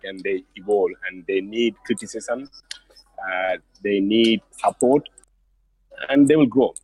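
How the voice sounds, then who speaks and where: A man's voice: on the low side, husky, dry recording, rough recording. A man guest in a casual online interview, talking earnestly and encouragingly in simple phrasing over a call.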